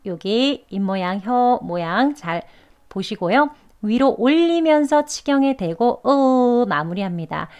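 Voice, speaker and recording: A woman with a Korean accent teaching English pronunciation, slowly and carefully demonstrating each sound. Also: a little high, expressive, a little mellow, clean tone, muffled recording. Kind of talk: pronunciation lesson.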